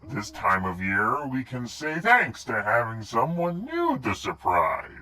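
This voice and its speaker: A man acts out a suave skeleton master from a game. The delivery is slow and theatrical, swooping in pitch, bright and patronizing. Faint music runs behind. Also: huge pitch swings, heavily acted. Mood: sly, soothing.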